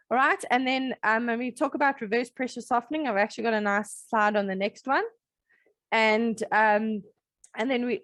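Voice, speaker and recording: A woman with a fairly high voice teaches a breastfeeding webinar, friendly and practical. She keeps checking in with her listeners as she explains each step. The sound is dry and close, as over a video call microphone. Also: no room sound. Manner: friendly, practical, checks in with "all right?" and "okay?". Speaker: breastfeeding educator. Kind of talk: webinar presentation.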